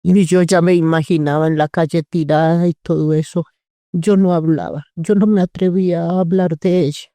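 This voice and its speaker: A woman's voice: on the low side, fairly even intonation, normal speed, warm tone, dry recording. An older woman with a Colombian accent, giving emotional personal testimony in an interview and acting out the dialogue of others as she tells her story.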